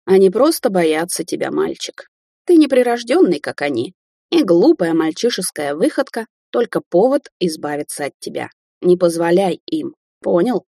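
A woman voicing a tiny ancient grumpy old woman of the forest, with a dry grating voice and a scolding, sharp-tongued manner. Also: fairly low pitch, big pitch swings, moderate pace, creaky, no echo, exaggerated voice. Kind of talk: audiobook character reading.

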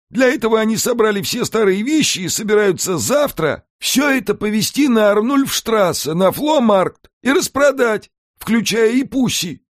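A man voicing an excitable, scheming male house brownie in an audiobook, brash and wheedling. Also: high-pitched, no room sound, clean studio sound, pitched above the performer's own voice. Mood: indignant. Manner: fast-talking, brash, wheedling. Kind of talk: audiobook character voice.

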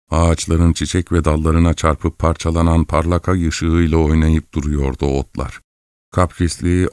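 A man narrating a literary audiobook in a measured, descriptive manner. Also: low-pitched, a little mellow, smooth, no echo, clean studio sound.

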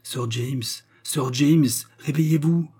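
A man voicing an excitable, greedy young gentleman in a read-aloud classic story, exclaiming dramatically. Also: medium pitch, normal speed, husky, voice pushed up. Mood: frantic.

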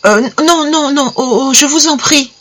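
A bright, high young girl, timid and overjoyed at once, her words catching and stumbling as she speaks, put on by an audiobook reader. Her voice rises well above the narration and swings freely. It is a storybook romance voice, tender and unsure. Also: animated, husky. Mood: flustered pleading. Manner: breathless, halting with emotion. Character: young girl in love, shy and joyful.

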